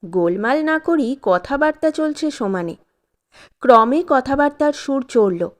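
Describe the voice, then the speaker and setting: Woman reading an old short story, calm and measured, kinda high voice, slow. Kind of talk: scripted narration of a classic short story.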